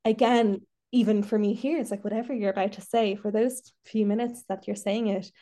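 A woman's voice: medium pitch, steady tone, a little fast, warm tone. A woman hosting a podcast, a trainee therapist, talking in a reflective, rambling way with many restarts. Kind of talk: casual podcast chat. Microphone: video call.

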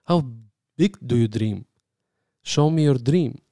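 A man telling a personal story in a casual interview conversation, animated as he recounts it. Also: medium pitch, takes it slowly, dry recording, clean studio sound.

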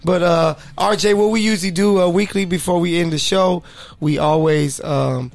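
A man's voice: high voice, fairly even intonation, moderate pace, gravelly. A man hosting a casual sports podcast, joking loosely with lots of fillers. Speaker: podcast host.

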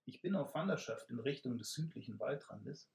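A cautious young wanderer, voiced by a man reading aloud, answers politely and measuredly. The voice is gravelly in a roomy echo, from a storybook reading. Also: medium pitch, expressive, moderate pace, a little mellow.

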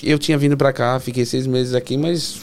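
A man guest on a podcast, explaining his travels in a relaxed, rambling way. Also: mid-range voice, normal speed, background noise. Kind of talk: casual podcast chat. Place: podcast studio.

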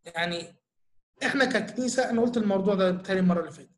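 Fast-talking Egyptian man teaching. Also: sits high. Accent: Egyptian Arabic. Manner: earnest, explanatory, full of rhetorical questions. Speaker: church teacher. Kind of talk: answering audience questions in a talk.

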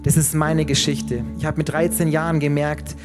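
A pastor telling a Bible story in a sermon, dramatic, with his voice dropping very low and quiet at key moments. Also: level tone, normal speed, loud music behind the voice. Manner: dramatic, drops to near-whisper at key moments.

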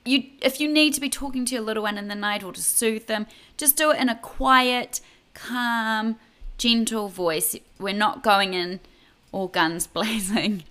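A woman's voice: mid-range voice, moderate pace, sharp tone. A woman co-hosting a podcast, giving baby sleep tips in a chatty, casual way with many restarts. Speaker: podcast co-host. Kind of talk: casual advice chat.

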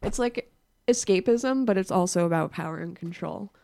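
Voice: mid-range voice, normal speed, creaky, warm tone, no echo. A podcast co-host chatting casually and candidly, often laughing and trailing off mid-sentence. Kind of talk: casual chat.

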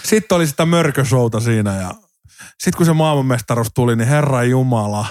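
A man chatting casually in a podcast, telling lively fan stories with sudden jumps in pitch, mimicking people and swearing now and then. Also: no echo, studio quality. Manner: animated, swears, mimics others in anecdotes. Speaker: podcast co-host. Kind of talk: casual storytelling chat.

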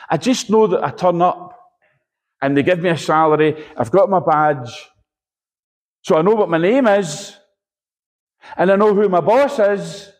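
A man's voice: high-pitched, darkish tone, voice pushed up. A man acting out a confused male churchgoer who talks in a hesitant, rambling way. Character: confused adult male churchgoer, unsure of himself.

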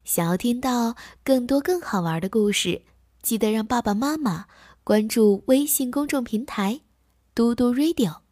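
A woman's voice: a little high, measured pace, dry recording, clean studio sound. Woman telling a bedtime story. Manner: gentle, lively reading to children. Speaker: children's storyteller.

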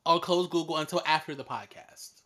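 A podcast co-host in their late twenties in a frank, casual chat. The voice is bright and sharp, full of self-deprecating jokes and swearing. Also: mid-range voice, a little fast. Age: late 20s.

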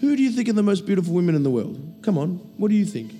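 A man hosting a casual chat, animated and crude, firing off quick questions and jokes. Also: sits high, big-room sound, soft background music. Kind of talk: casual banter.

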